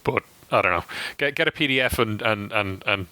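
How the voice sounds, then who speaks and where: A man's voice: on the low side, brisk, pushed and bright, dry recording. A man co-hosting a podcast in casual chat, rambling with repeated words and restarts. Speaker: podcast co-host.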